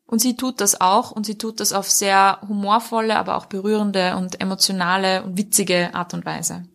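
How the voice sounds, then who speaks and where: Woman explaining a book, fluent and steady. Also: medium pitch, normal speed, gravelly. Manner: fluent, explanatory, with frequent fillers. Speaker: book reviewer. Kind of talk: conversational book discussion.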